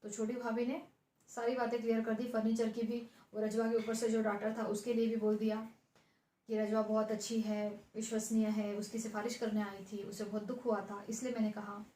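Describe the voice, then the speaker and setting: A woman's voice: on the high side, level tone, fairly quick, mellow, slight background noise. A woman teacher explaining a Hindi play, rephrasing hard words and mixing in English terms, recorded in a room with an echo. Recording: roomy echo.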